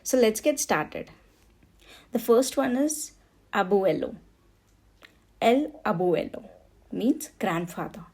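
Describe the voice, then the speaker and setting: This Indian woman's voice sits at medium pitch with a darkish tone, and she's very animated, speaking slowly with frequent pauses. She leads a beginner Spanish lesson, patiently saying each word twice for the learners.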